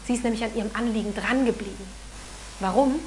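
Woman giving a sermon, kinda high voice, earnest and animated, bit of noise behind. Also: fast talker, poor audio. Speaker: preacher.

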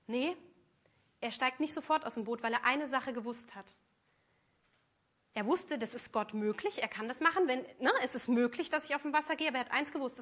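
A woman preaching a sermon, earnest and emphatic, speaking directly to her congregation. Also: high-pitched.

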